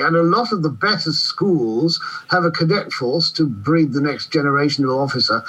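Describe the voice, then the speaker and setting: A man playing a pompous, breezy British army general with a husky voice over a radio link in a comedy. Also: a little high, sharp tone, exaggerated voice. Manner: pompous, breezy, clipped, condescending. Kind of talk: comedy radio character acting. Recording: dull radio-like line.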